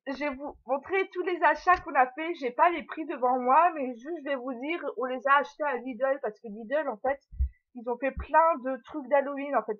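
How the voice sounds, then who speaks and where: Young girl vlogging at home, chatty n giggly, lots of ums, kinda lo-fi camera mic sound. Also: high voice. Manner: chatty, giggly, many fillers, talks to her puppy. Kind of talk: casual haul video chat. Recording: dull lo-fi sound.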